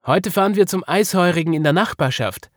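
A calm, practical father with an Austrian accent, voiced by a man. He sounds reassuring and lively in his melody, recorded dry and close in a storybook reading. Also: high-pitched, a little fast, no room sound, pitched above the performer's own voice.

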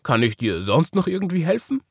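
A man's voice: on the high side, big pitch swings, fairly quick, gravelly, slightly rough, no room sound, studio quality, pitched above the performer's own voice, full character voice. A man voicing a kindly, helpful older salesman in a children's story, with an Austrian accent and a friendly explaining manner.

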